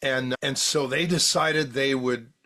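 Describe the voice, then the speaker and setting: A man's voice: medium pitch, steady tone, slow, sharp tone. An older American man, a podcast guest, telling rambling stories from his youth in a chatty way, laughing at his own jokes. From United States. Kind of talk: casual storytelling interview.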